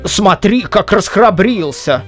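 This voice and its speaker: A woman's voice: medium pitch, expressive, slow pace, over music, voice pushed up. A woman voicing a stubborn, grumbling older Cossack man in an audiobook reading, with a whiny, indignant manner. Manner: whiny, indignant, muttering to himself. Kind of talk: audiobook reading of a classic story.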